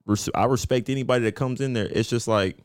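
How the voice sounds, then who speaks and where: A man co-hosting a podcast in casual, profane chat, telling a story in an animated way. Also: mid-range voice, fast, smooth, no room sound, clean studio sound. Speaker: podcast co-host.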